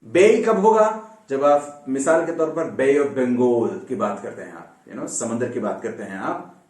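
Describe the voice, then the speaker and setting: A man giving an online English pronunciation lesson, drilling vowel sounds by repeating them slowly and dropping in Urdu religious phrases. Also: a little high, darkish tone, roomy sound, far from the mic.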